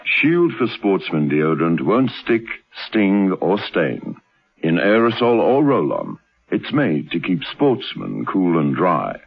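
A man's voice: sits low, very animated, slow pace, vocal fry, husky. A man reading a scripted radio advert as announcer, on a lo-fi recording.

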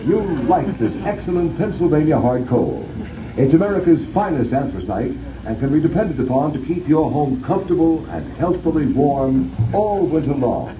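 A man playing an upbeat, polished old-time radio pitchman, selling in a chipper, formal and emphatic advertising style. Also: noisy background. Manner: emphatic, formal sales delivery. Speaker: radio announcer. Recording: dull old radio recording, music behind.

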